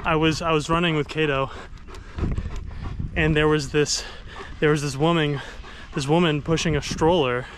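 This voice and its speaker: A man's voice: fairly high pitch, fairly even intonation, normal speed, background noise. A man casually vlogging outdoors while running with his dogs, chatty and upbeat. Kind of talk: casual vlog narration. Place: outdoors on runs and in a yard.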